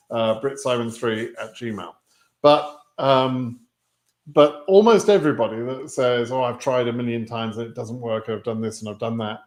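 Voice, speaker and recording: A British man in his sixties answers viewers on a live stream. His voice sits at an ordinary middle pitch. He talks frankly and loosely, with plenty of ums and false starts. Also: a little mellow. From United Kingdom. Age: 60s. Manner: rambling, frequent ums and restarts, frank and plainspoken. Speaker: immigration lottery advisor hosting a live stream.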